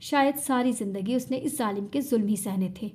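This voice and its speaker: A woman with a high, clear voice reads a romance novel aloud. She keeps a steady, dramatic storytelling pace throughout the narration. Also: fairly quick.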